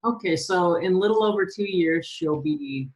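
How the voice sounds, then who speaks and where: A woman hosting a live Q&A who asks quick follow-up questions and encourages callers. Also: on the low side, slight background noise, low-quality recording. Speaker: host. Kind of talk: live Q&A coaching.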